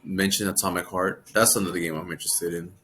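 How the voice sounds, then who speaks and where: A man's voice: deep voice, steady tone, fast, a bit bright, a little hiss or hum. A man co-hosting a casual podcast chat about video games, rambling and trailing off mid-thought. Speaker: podcast co-host.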